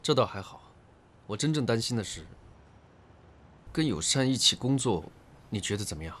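A man's voice: mid-range voice, very animated, moderate pace, a bit bright, slight background noise. An actor playing an earnest, cautious young man in a television drama. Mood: worried. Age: young adult.

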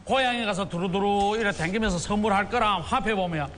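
A man's voice: high voice, fairly quick, a bit bright, slight background noise. A man playing a thrifty, blustery older husband in a comic sketch, teasing and exclamatory, with a Yanbian Korean accent from China.

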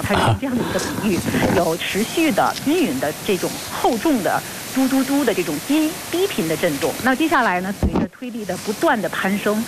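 Woman field reporter over clear background noise. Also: medium pitch. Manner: earnest, formal delivery with hesitant pauses. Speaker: field reporter for a radio broadcast. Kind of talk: live unscripted on-location news report. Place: outdoors at a launch site. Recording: noisy outdoor live feed with steady hiss.

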